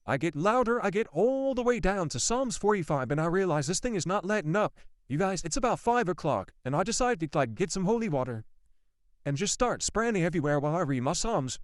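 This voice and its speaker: Animated man telling a spooky story. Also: high voice, a little fast, no room sound, studio quality. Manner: animated, repeats himself, swears, addresses viewers directly. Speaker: vlogger. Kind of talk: casual storytelling to camera.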